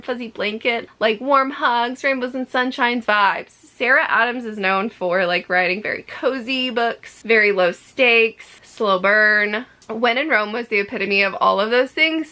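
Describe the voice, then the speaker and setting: Woman, book vlogger, casual and upbeat, effusive, raised pitch, very bright tone, mildly froggy allergy voice. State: slightly croaky, allergy-affected voice. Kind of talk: casual chat to camera about books.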